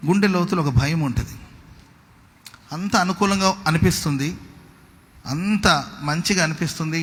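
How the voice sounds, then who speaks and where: Brief: male pastor, fairly high voice, leads the congregation in call-and-response and swings between loud and soft. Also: slight background noise. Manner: switches between loud exclamations and soft storytelling. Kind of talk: sermon.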